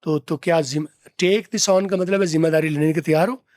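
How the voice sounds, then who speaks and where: A man teaching English from film dialogue, repeating phrases slowly to drill pronunciation. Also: fairly high pitch, fairly even intonation, a little mellow, no room sound, clean studio sound. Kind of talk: lesson explaining film dialogue.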